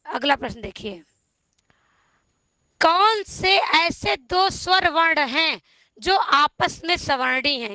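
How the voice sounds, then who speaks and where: A woman teacher with a very high, bright voice works through exam questions at an unhurried pace. She repeats each option and keeps asking viewers for the answer. The sound is close and dry. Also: no room sound. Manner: slow, repetitive quizzing of viewers. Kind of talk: exam-prep lesson on Hindi grammar.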